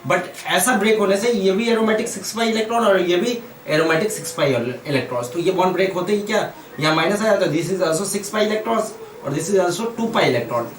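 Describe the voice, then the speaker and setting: There's slight background noise as a high-pitched man with an Indian accent teaches chemistry at a whiteboard at a moderate pace. He asks and answers his own questions while repeating key terms, and the echoey room suggests a distant mic.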